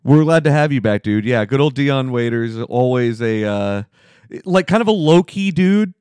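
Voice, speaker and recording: A man's voice: mid-range voice, expressive, moderate pace, a little mellow, clear, resonant tone, dry recording, studio quality. A man co-hosting a basketball podcast, laid-back and joking as he chats. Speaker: podcast co-host. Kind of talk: casual sports chat.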